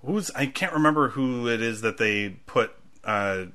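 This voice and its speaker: A man co-hosting a casual chat, rambling and acting out quotes in sudden loud bursts. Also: medium pitch, expressive, normal speed, clear, resonant tone. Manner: rambling, acts out quotes loudly.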